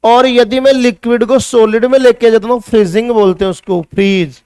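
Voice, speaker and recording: A man's voice: extremely high pitch, steady tone, moderate pace, darkish tone, smooth, no room sound, clean studio sound. A male chemistry teacher with a Hindi accent, giving a classroom lecture that mixes English science terms into Hindi and asks his students questions before answering them himself.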